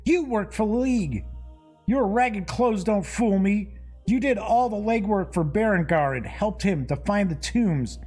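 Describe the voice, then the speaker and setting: A man's voice: sits high, lively intonation, a little slow, a little mellow, soft background music, voice pushed up. A man voicing a suspicious female prisoner who mutters melodically and shrieks accusations at strangers. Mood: accusing.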